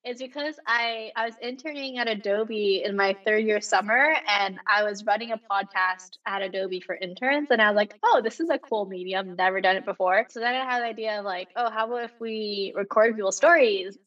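A young woman from Canada, co-host of a podcast, chatting in a relaxed, talkative way with many fillers. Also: medium pitch, brisk, hardly any pauses, recorded from a distance, dull audio. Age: young adult. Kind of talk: casual chat.

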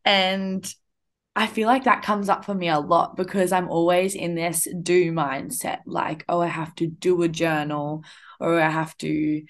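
Speaking a little slowly, in a fairly low and flat voice, a young woman hosts a relaxed podcast chat. Her musings are thoughtful and heavily sprinkled with fillers such as "um" and "like."

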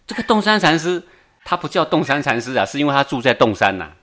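A man giving a Buddhist dharma talk, telling a Zen tale in an animated way, chuckling and often checking that his listeners follow. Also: fairly high pitch, quick pace, a little hiss or hum. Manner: animated, keeps asking the audience for agreement, chuckles often. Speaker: Buddhist teacher.

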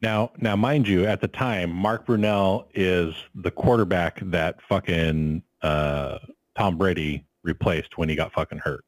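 A man's voice: deep voice, unhurried, no room sound. A man co-hosting a casual sports podcast, swearing freely while he checks facts aloud. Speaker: podcast co-host.

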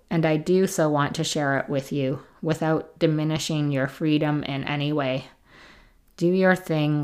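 A woman hosting a casual podcast, reading listener letters aloud in a gentle, chatty way. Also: low voice. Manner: reads gently, laughs easily, chatty asides.

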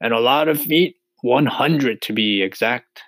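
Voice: mid-range voice, lively intonation, slow pace, vocal fry, a bit bright, no room sound, pitched above the performer's own voice, exaggerated voice. A performer voicing a boastful, cheeky male centipede in a storybook, bragging and teasing. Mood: proud.

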